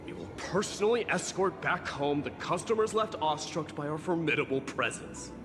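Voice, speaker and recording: A man's voice: a little high, animated, moderate pace, lightly acted. A man voicing a proud, boastful male warrior in a video game, arrogant and taunting. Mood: haughty. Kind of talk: scripted video game voice acting. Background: game music.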